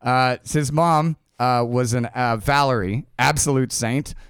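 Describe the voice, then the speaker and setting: A man's voice: medium pitch, unhurried, a bit bright, clear, resonant tone, no echo, studio quality. Joking man leading the chat. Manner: joking, leads the story. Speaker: podcast co-host. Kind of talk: casual chat.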